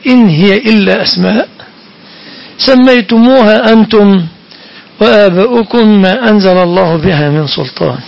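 A man delivers sermon-style scripture commentary in a high, gravelly voice. He quotes verses and doubles back on phrases to drive them home. The recording is dull and lo-fi. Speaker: Quran commentator.

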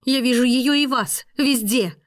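A woman reading a novel aloud, voicing a frightened and furious young heroine in shrill angry outbursts. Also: measured pace, dry recording, studio quality.

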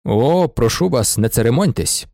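A cool, sardonic merchant who speaks low and unhurried, with a dark gravelly tone, as a male narrator voices him. Dry close sound with faint music underneath. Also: expressive, dry recording.

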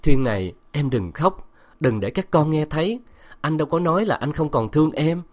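A man reading the lines of a remorseful middle-aged husband, soft and earnest. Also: fairly high pitch, expressive, moderate pace, voice pushed up. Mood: soothing.

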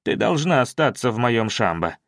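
Мужчина играет растерянного деревенского вождя, который умоляет и обиженно приказывает. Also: male voice, mid-range voice, big pitch swings, moderate pace, gravelly, a bit bright, dry recording, clean studio sound. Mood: pleading. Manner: pleading, touchy. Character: flustered village chief, grown son.

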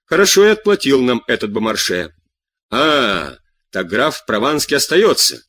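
A man voicing a calm, stubborn middle-aged king who answers with dry irony and long cool lectures, in an audiobook reading. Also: mid-range voice, measured pace, no room sound. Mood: sardonic. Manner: cool, sardonic, lectures at length.

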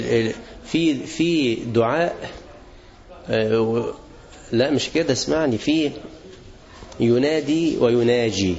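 A man with an Egyptian accent teaches students a religious lesson, posing questions to the class and then answering them himself. His voice is medium-pitched and darkish, captured on a dull lo-fi recording.

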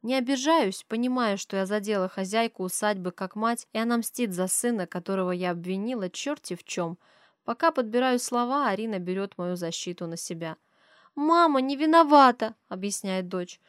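A woman reading a first-person audiobook with steady, expressive narration. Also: mid-range voice, fairly quick, smooth, no echo, clean studio sound.

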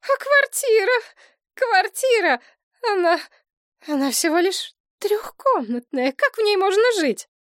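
Woman playing a shrill, wailing widowed mother. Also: very animated, unhurried, no room sound, studio quality. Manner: shrill, wailing, sobbing outbursts. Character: hysterical middle-aged widowed mother.

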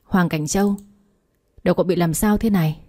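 A woman voicing a startled young man who worriedly asks after his friend's injury, in a low, mellow voice. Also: brisk, lightly acted. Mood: alarmed. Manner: startled, eager. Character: alarmed young man, eager loyal friend.

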